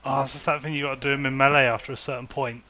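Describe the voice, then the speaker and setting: A man commentating his own game, excitable and chatty as he talks himself through it. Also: mid-range voice, racing, slight background noise. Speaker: gaming YouTuber. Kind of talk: casual Minecraft let's play commentary.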